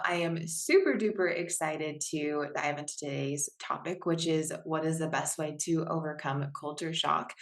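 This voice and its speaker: A woman from Washington State hosts a conversational interview with upbeat enthusiasm. Her voice sits a little low for a woman. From Washington State, USA. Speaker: podcast host.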